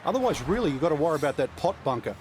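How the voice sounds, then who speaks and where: A man's voice: a little high, big pitch swings, very fast, darkish tone, slight background noise. A man giving golf commentary as an analyst, explaining the course in a conversational way.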